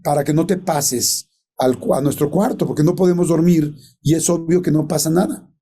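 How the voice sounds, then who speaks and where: A man tells a ghost story to his co-host, rambling and correcting himself as he goes. His voice sounds very dark and mellow, sitting a little high for a man. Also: steady tone, moderate pace. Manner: rambling, colloquial, many fillers and self-corrections. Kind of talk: casual storytelling chat.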